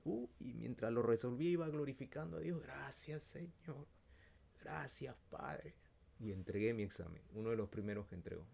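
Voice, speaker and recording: A Peruvian man preaching with a Peruvian Spanish accent, telling a personal story and then praying, swinging between loud bursts and soft, hushed prayer. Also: mid-range voice, fast, vocal fry, hardly any pauses. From Peru. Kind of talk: sermon with personal testimony and prayer.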